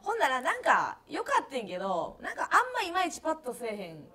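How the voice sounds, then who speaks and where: High, wildly animated Kansai woman. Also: fast. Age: young adult. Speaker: show host. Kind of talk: casual teasing banter. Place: large bright indoor TV studio. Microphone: lapel mic.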